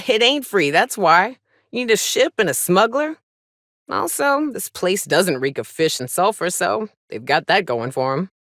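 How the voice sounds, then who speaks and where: She plays a tough trailblazer in a space frontier game, reacting in short, salty, sardonic and folksy lines like a seasoned companion on the trail. Her pitch moves around a lot, her tone is a bit bright, and the sound is dry and close with no echo.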